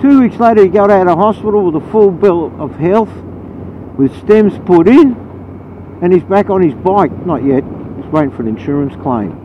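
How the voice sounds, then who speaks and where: A man's voice: sits high, expressive, moderate pace. An Australian man giving a casual, rambling, blunt running commentary, his voice muffled inside a helmet as he rides a motorcycle. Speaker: motorcycle vlogger. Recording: muffled narrow-band helmet audio, loud road noise. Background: loud engine, wind and road noise.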